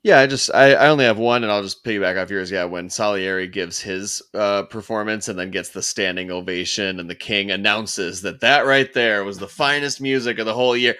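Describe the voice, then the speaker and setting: Bright-voiced man chatting about movies. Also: on the low side, a little fast, few pauses, clear, resonant tone. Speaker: podcast co-host. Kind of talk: casual film discussion.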